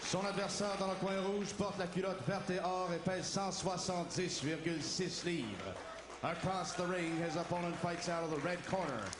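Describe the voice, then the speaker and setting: A man working as a boxing ring announcer, formally presenting in French and English with ceremonial, drawn-out delivery. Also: a little high. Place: boxing arena. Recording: echoey arena PA with noise.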